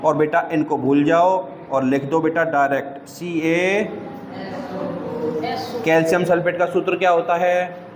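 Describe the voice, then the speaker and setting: A man's voice: a little high, flat delivery, measured pace, pauses often, a crowd in the background. A male teacher, quizzing students with repeated questions as he explains a chemistry lesson. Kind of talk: classroom teaching in Hindi. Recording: echoey room with long reverb.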